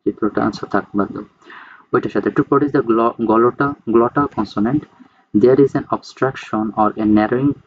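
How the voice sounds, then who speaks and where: Man slowly explaining speech sounds. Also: mid-range voice, muffled recording. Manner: explains slowly, often checks in with "ঠিক আছে?"; reads English terms slowly, then explains them in casual talk. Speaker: teacher. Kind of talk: casual spoken lecture.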